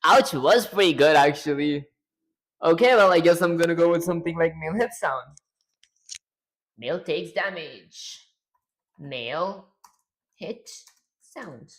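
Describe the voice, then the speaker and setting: A game developer streaming live talks to himself in a relaxed mutter, his voice on the high side and his pace measured, with long pauses. His throat is strained and he feels lightheaded. The audio is poor.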